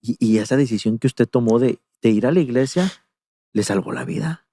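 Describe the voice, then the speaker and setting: Mellow-voiced male interviewer. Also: medium pitch, lively intonation, brisk, dry recording, clean studio sound. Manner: encouraging, with soft "ujú" backchannels. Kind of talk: interview questions.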